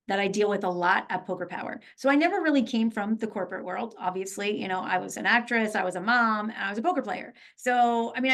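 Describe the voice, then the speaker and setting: A woman talking as a poker pro guest in a casual podcast interview, telling lively stories and acting out what people said. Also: mid-range voice. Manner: animated storyteller, acts out quoted dialogue.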